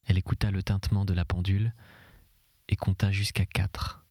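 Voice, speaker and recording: Husky, low-voiced male audiobook narrator. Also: level tone, moderate pace, dark tone, no room sound. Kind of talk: audiobook reading of a literary novel. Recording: dry close recording.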